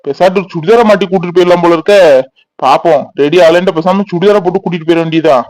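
A man's voice: high-pitched, fast, darkish tone, dry recording, close to an everyday voice. A man voicing a teasing, affectionate young husband in a cartoon, hurrying his wife along.

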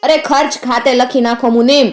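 A woman doing a cool-headed old merchant, fairly high voice, faint music behind. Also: expressive. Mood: calm. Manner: cool, measured speech. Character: calm wise old merchant, man.

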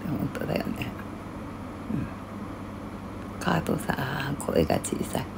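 An older woman chatting casually on a livestream. She reads viewer comments in half-whispers and grumbles loudly in between. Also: extremely low pitch, sing-song, a little slow, vocal fry, noisy background.

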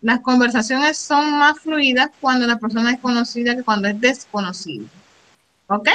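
A middle-aged woman teaching an English class, reading English phrases slowly and explaining them with frequent "right?" check-ins. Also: a little high, fairly even intonation, a bit bright, poor audio. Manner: reads English slowly, then explains in Spanish with frequent "¿verdad?". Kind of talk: classroom lesson.

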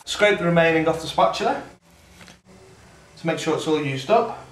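Recorded from across an echoey home kitchen at night, a male cooking host in his 30s chats while working at the stove during a casual demonstration. His slightly high voice has lively intonation at normal speed. The distant camera mic gives the audio a roomy feel.

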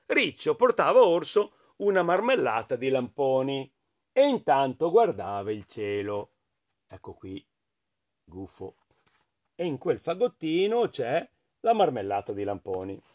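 A man with an Italian accent reading a children's picture book aloud, expressive and playful, talking to his listeners. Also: medium pitch, unhurried. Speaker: storyteller.

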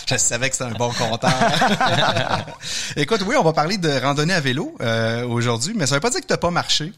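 A man hosting a casual interview, brisk and jovial. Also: a little high, sing-song, fairly bright tone. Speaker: podcast host.

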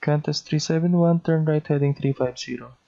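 A man with a Filipino accent speaks in the clipped, procedural style of an air traffic control demonstration. His voice is a little high and warm with vocal fry, fairly even intonation and a slightly fast pace, captured on a dull lo-fi recording.

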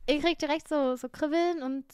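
Young woman streamer, high voice, kinda nervous, rambly and playful, dry mic. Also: fairly even intonation, moderate pace, darkish tone, dry recording. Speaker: livestreamer. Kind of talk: casual stream chat.

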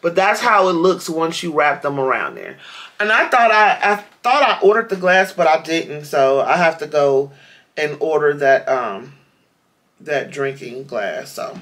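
Slow, bright-voiced woman unboxing. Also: deep voice, big pitch swings. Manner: chatty, addresses viewers as y'all, many fillers. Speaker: vlogger. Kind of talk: casual unboxing chat.

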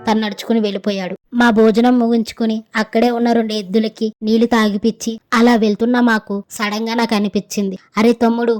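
A woman narrating a village horror story in first person, in a steady storytelling manner. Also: fairly high pitch, a little fast, hardly any pauses.

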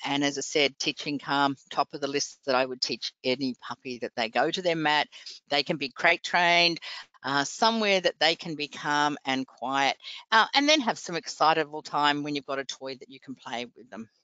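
A woman's voice: deep voice, normal speed, bright, forceful tone, no room sound. A woman veterinarian answering webinar questions in a chatty, encouraging, practical way over a video call. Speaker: veterinarian presenter. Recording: dull lo-fi web call audio.

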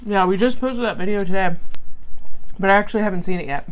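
A woman's voice: medium pitch, fast, slight background noise, rough recording. A woman in her thirties chatting casually while eating, chewing between phrases, recorded in a room at home. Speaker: mukbang vlogger. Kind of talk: casual chat. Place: small room at home, indoors.

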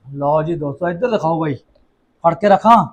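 Male home-cooking vlogger, Punjabi accent, high pitch, chatty, playful, exclamatory, repetitive phrasing. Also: normal speed, highs cut off. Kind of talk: casual chat to viewers while cooking.

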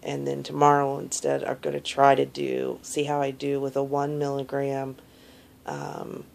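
Woman, heavy vocal fry, sore throat, drowsy and low-energy, casual video diary, phone at arm's length in bed. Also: monotone, unhurried, darkish tone. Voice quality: gravelly, creaky. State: sore throat while recovering from tonsil surgery. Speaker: vlogger giving a surgery recovery update. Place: small indoor room, lying in bed. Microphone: phone held at arm's length.

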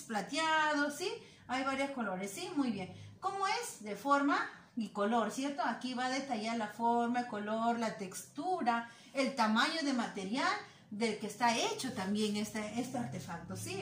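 Female primary teacher, Peruvian Spanish, high voice, echoey room recording, keeps checking in with "right?". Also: fairly bright tone. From Peru. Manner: asks many questions, keeps adding "¿cierto?" and "¿sí?"; mixes English greetings into Spanish. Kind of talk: virtual class for young children. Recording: echoey room, faint noise.

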